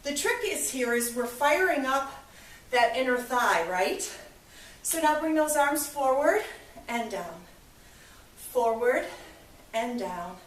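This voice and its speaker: A woman fitness instructor leads a workout, counting reps in an upbeat, encouraging way while slightly out of breath. Her high-pitched voice is sing-song and slow, with long pauses. She sounds distant, in an echoey room.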